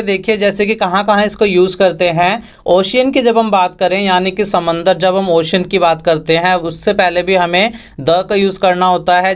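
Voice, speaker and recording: A man's voice: sits high, clear, resonant tone. A man teaching English grammar, patiently repeating each point and posing questions to his viewers. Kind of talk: Hindi-language grammar lesson.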